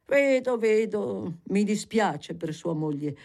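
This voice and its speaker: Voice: medium pitch, animated, slow pace, creaky, darkish tone, pitched above the performer's own voice, exaggerated voice. A reader voicing a stern, courteous older statesman. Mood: curt. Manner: severe, formal, peremptory. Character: stern courteous parliamentary president, older man.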